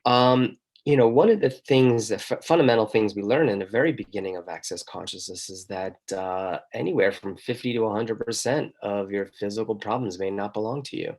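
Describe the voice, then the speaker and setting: Gravelly low-voiced man hosting a talk. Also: brisk, hardly any pauses, a little mellow. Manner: emphatic, asks the listener many questions. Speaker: host. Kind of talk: motivational monologue.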